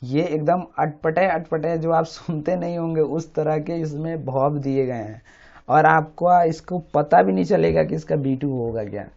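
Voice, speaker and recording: A man's voice: a little high, measured pace, gravelly, darkish tone. A man teaching an English grammar lesson. He explains step by step, repeats key words again and again, and keeps checking that the listener is following. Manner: repeats key words often, asks the listener "samajh rahe hain na?". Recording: dull lo-fi recording.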